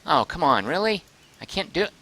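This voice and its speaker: A man streaming a game live, chatting excitedly, thinking aloud and reading chat messages aloud, close to his microphone. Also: on the high side, a little fast. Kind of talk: live gameplay commentary.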